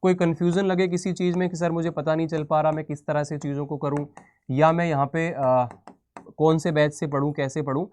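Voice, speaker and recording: A man's voice: a little high, steady tone, a little fast, a little mellow. A man teaching exam strategy in an informal lesson, talking directly to students with casual, blunt encouragement. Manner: direct, addresses students as "beta" and "yaar".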